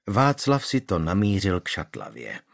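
A man narrating a historical story in an expressive storytelling manner. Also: low-pitched, creaky. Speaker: audiobook narrator. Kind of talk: scripted narration.

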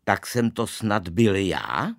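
A man voicing a startled, shouting middle-aged father in a children's story. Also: very animated, no room sound, studio quality. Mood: sarcastic. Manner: shouting, high and strained.

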